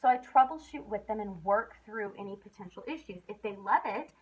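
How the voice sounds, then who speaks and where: A young woman with a medium-pitched, expressive voice and fairly quick pace gives a casual sales training talk. She is chatty and full of fillers, sometimes acting out upbeat messages, and the recording is dull and lo-fi.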